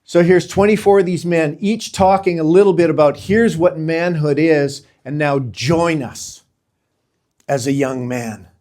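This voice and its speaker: A man's voice: on the high side, a little slow, dark tone. A middle-aged man giving an earnest, inspirational talk to a group of men, speaking with a preacher-like, emphatic cadence. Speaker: speaker at a men's gathering.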